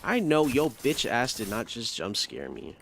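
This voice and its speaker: A man streaming a video game with very lively, swinging pitch. He chats to himself in casual, sweary slang and is prone to excitable outbursts. There is faint noise and game ambience behind him. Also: unhurried, creaky. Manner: profane, slangy, talks to himself. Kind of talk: casual live gameplay commentary.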